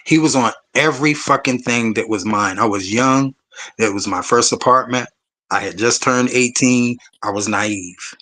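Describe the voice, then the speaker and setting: A man's voice: medium pitch, normal speed, pushed and bright. A man, telling a personal story on a discussion panel in an emphatic, profane, conversational way.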